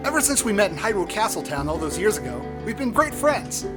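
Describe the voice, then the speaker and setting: A woman's voice: medium pitch, very animated, fast, close to an everyday voice. A woman voicing an earnest young male attorney hero in a bold heroic voice for a video game read-aloud. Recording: music playing behind the voice.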